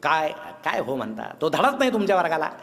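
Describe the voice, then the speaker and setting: A man voicing a stern school inspector who fires off sharp, demanding questions. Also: a little high, sing-song, fast talker, gravelly, slight background noise, exaggerated voice. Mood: bossy. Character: stern male school inspector, loud and bossy.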